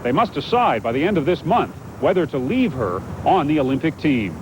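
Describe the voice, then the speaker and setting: A man's voice: on the high side, big pitch swings, brisk, noisy background. A man narrating a scripted television news report as a correspondent.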